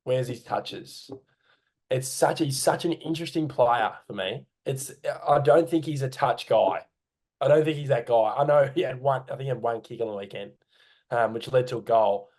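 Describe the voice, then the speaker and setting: At a moderate pace and in a slightly mellow, mid-range voice, an Australian man co-hosts a laid-back sports podcast from home. He tends to ramble, pausing hesitantly and fixing what he's just said.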